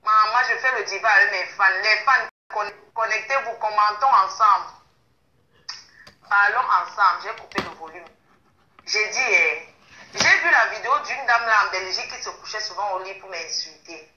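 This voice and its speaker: A woman's voice: mid-range voice, normal speed, pushed and bright. A woman hosting a casual live stream on her phone, chanting and exuberant, slipping into pidgin. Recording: echoey room, dull lo-fi phone sound.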